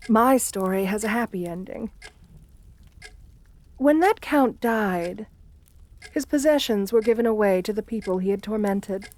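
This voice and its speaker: A woman plays an assertive, seductive countess with a vampiric air, her natural, slightly mellow voice pitched in the middle of the female range. She speaks intimately, like an ASMR roleplay, flirting and soothing with genteel poise. The mood is sinister storytelling.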